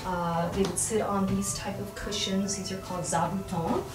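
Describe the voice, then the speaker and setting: A woman's voice: medium pitch, fairly even intonation, normal speed, background noise. A middle-aged woman, a museum docent, explaining household objects indoors in an old wooden farmhouse. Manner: explaining, pointing things out, "if you notice". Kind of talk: guided demonstration. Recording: distant mic with music behind.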